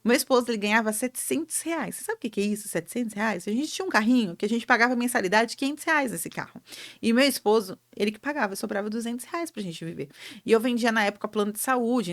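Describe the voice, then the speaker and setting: A woman with a Brazilian Portuguese accent hosting a show, telling a personal story in an animated, emotive way. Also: a little high. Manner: animated, emotive, acts out quotes. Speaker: host.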